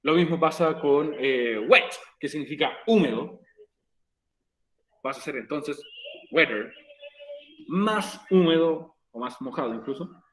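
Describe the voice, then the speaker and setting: A male teacher with a slightly high voice walks students through a grammar rule, patiently repeating each step. The recording carries the echo of a bare room. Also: measured pace, fairly bright tone. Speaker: English teacher. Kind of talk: virtual class explanation in Spanish. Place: room, recorded for an online class.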